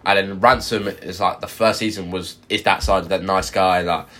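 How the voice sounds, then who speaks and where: A man's voice: deep voice, steady tone, moderate pace, bright, forceful tone. A man co-hosting a podcast, chatting casually in street slang and often repeating himself. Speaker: podcast co-host.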